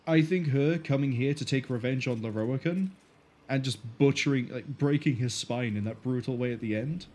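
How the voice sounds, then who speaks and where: A man's voice: mid-range voice, normal speed, a little mellow. A man streaming a video game, casually thinking aloud with fillers. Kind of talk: live game commentary.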